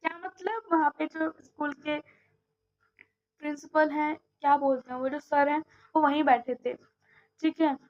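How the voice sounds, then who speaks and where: High-voiced chatty woman teacher vlogging. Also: moderate pace. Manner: animated, mimics others' voices in anecdotes. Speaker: primary school teacher. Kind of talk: casual storytelling vlog. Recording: slightly dull lo-fi audio.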